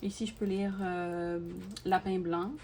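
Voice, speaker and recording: Chatty Québécoise gushing over a craft kit. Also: female voice, on the low side, a little slow. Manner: chatty, gushing, many fillers and repeats. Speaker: crafting YouTuber. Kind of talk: casual unboxing talk to viewers. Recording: steady background noise with clicks.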